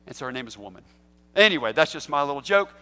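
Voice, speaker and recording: A man preaching a sermon as pastor, animated and jokey, swinging between loud bursts and hushed asides. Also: a little high, fast talker, clean tone, big-room sound.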